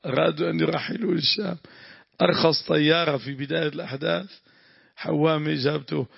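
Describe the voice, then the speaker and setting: Gravelly sheikh teaching. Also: male voice, a little high, steady tone, quick pace, dry recording, lo-fi sound. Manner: explains grammar, breaks into prayers. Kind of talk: religious lesson with supplications.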